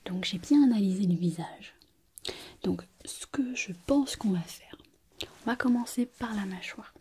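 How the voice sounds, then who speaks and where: A woman playing a calm, attentive surgeon in a whispered role-play, speaking in a soft, breathy, quiet night-time hush with slow, hesitant musing and gentle instructions. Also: medium pitch. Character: calm, attentive surgeon examining a patient's face.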